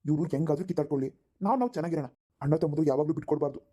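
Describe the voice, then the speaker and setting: A woman voicing a gentle husband who tries to calm his quarreling family in a cartoon. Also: low voice, rapid-fire, husky, pitched below the performer's own voice. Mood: resigned. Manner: placating, hesitant. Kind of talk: cartoon voice acting.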